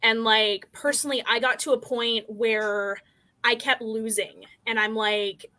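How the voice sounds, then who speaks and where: A woman's voice: on the high side, steady tone, measured pace, pushed and bright. A young woman cosplayer earnestly telling how she nearly quit competing, quoting her own thoughts. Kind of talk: casual storytelling.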